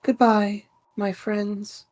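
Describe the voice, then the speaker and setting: A woman voicing a gentle, resigned young king with measured, formal, noble delivery in a video game story. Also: medium pitch, little pitch movement. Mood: sorrowful farewell. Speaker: reader of a game character's lines. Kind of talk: dramatic video game dialogue reading.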